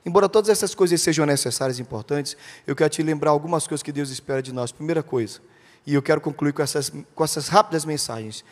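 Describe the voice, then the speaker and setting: A Brazilian man preaching an impassioned, emphatic sermon as pastor, speaking directly to his congregation. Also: a little high. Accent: Brazilian Portuguese. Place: church sanctuary. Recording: long church hall reverb.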